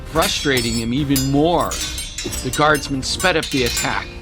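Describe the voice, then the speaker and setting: With a mid-range voice, a man narrates a dramatic audio-drama script, keeping his storytelling measured and descriptive while a music bed plays behind.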